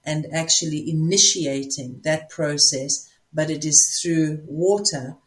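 Her voice sitting low, a woman with a South African accent shares reflections as a spiritual teacher in relaxed conversation, often stopping to find the right words.

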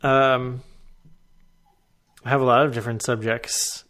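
A man's voice: mid-range voice, flat delivery, a little slow, a bit bright. Laid-back male podcast host. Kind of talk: casual conversation.

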